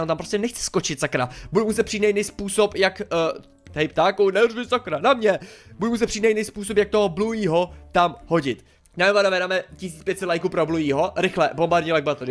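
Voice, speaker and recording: A young man chatting excitedly through a game as a YouTuber, exclaiming and mildly swearing as he plays. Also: a little high. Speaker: gaming YouTuber. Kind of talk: casual game commentary.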